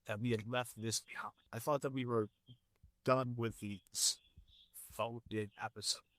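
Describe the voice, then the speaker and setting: A man's voice: medium pitch, fairly even intonation, unhurried, a bit bright, no echo. Sarcastic ranting male co-host. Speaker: podcast co-host. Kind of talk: casual podcast chat.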